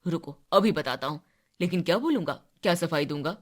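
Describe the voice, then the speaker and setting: Lady doing a lowish teen boy voice, touchy n sulky, cartoon. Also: animated. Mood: worried. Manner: low and sulky, quick to snap. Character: teenage boy, proud, touchy about home.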